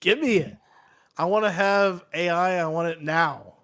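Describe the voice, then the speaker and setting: Pestering man with a higher-pitched voice. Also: a little slow, fairly bright tone. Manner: pestering, repeats questions insistently. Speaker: prank caller. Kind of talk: improvised comedy phone banter.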